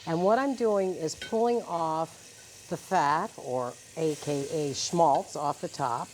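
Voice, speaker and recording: A woman's voice: sits low, slow pace, a little mellow, slight background noise. A woman guest cook demonstrating a recipe on a TV kitchen set, encouraging and explaining each step. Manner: encouraging, explains as she works. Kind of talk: cooking demonstration. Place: TV studio kitchen.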